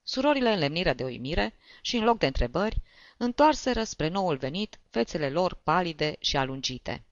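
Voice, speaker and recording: A volunteer reader narrates a story with expressive delivery. The pitch moves in a lively way. The recording sounds dull and very dry. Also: no room sound. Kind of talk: audiobook narration.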